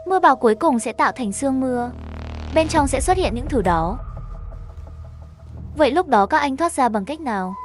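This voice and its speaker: Speaking expressively at a moderate pace and leaving long pauses, a woman with a high voice tells a scripted animated horror story, acting out its dialogue. Soft music runs quietly beneath her.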